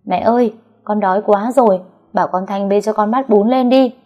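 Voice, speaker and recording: Woman doing a shrill spoiled young woman, whiny, audio story, dull lo-fi sound. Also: moderate pace, mellow, faint music behind, lightly acted. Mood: demanding. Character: spoiled shrill young pregnant sister-in-law.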